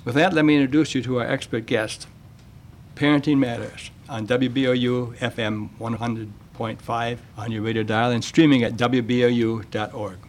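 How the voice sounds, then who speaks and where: A man hosting a radio show, reading a measured, plain-spoken monologue on parenting and then interviewing a guest. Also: medium pitch, steady tone, slight background noise.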